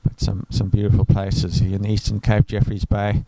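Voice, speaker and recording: Male cricket commentator, low mellow voice, dry close sound, rambling and chatty. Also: completely flat delivery, moderate pace, vocal fry, no room sound, poor audio. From South Africa. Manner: chatty, rambling, enthusiastic asides. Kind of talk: live sports commentary.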